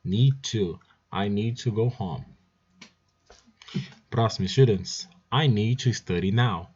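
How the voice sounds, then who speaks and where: A Brazilian man gives an English lesson in a slow, low, slightly husky voice. He repeats each phrase several times and keeps calling on his students. The recording sounds dull and lo-fi. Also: darkish tone. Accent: Brazilian Portuguese. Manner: drills phrases by repeating them, often addresses "students". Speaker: English teacher.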